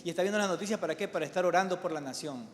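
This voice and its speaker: A middle-aged male pastor with a high voice preaches a live sermon. He urges his hearers with emphatic repetition, then drops into quiet storytelling. The recording carries the long reverb of a large church hall. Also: very fast.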